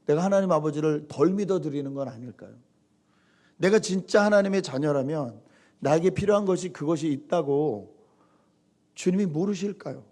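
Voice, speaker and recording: A middle-aged man preaching a Sunday sermon as pastor, animated, acting out quoted lines and swinging between loud and soft. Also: on the high side, normal speed.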